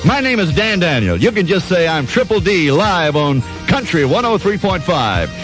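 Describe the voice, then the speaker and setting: A man's voice: high-pitched, big pitch swings, normal speed. An American man presenting live country radio as a DJ in a folksy, chatty manner. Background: faint music.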